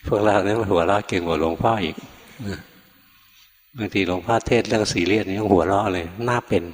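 An older male monk giving a Dharma talk, telling a story in a relaxed way, acting out quoted lines and chuckling now and then. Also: on the low side, fairly quick. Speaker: Buddhist monk teacher. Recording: long reverb from a hall.

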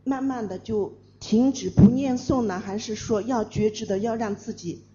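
A woman student asks her teacher a question very slowly and hesitantly, filling pauses and restarting as she goes. Her voice is mellow and somewhat high, and the recording is dull with faint noise behind. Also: steady tone. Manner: hesitant, many fillers and restarts. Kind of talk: audience question.

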